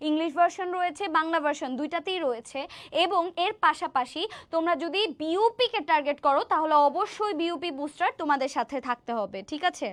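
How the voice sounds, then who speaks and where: A high-pitched young woman, running an exam-prep lesson. She stretches out key terms and repeats each answer twice. She drops English words into her explanations and checks in with "right?" as she goes. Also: sharp tone. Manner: mixes in English words, asks students "right?"; encouraging, motivational asides. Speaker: admission test tutor. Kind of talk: online exam-prep class.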